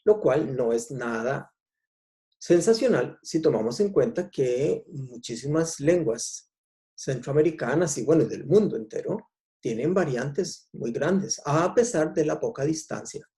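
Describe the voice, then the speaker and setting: A man with a Costa Rican accent giving an explanatory public talk on language history, unhurried and pausing often with "eh". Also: fairly high pitch, lively intonation, mellow. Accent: Costa Rican Spanish. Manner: unhurried, explanatory, frequent "eh" pauses. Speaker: lecturer.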